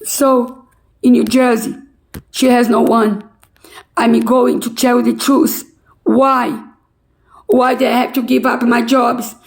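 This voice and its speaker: An older woman from Brazil with a Brazilian Portuguese accent, giving an emotional personal testimony in halting, broken English. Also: on the high side, little pitch movement, creaky.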